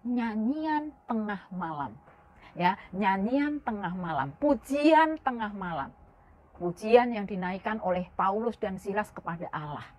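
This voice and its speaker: A woman teaching Sunday school, telling a Bible story to children and keeping them involved with questions. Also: measured pace. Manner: keeps asking questions and addressing the children directly; lively and expressive, swinging her pitch up and down.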